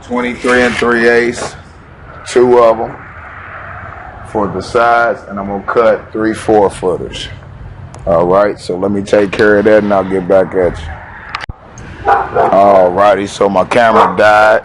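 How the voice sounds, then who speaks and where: Low-voiced man giving casual building tips. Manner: chatty, loose, talks to viewers directly. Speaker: DIY video host. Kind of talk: casual how-to instruction. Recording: distant camera mic with loud outdoor noise.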